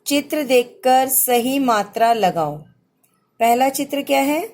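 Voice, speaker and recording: Slow, patient woman teaching children. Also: sits high, expressive, darkish tone. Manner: patient, repeats words slowly for young pupils. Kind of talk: children's phonics lesson.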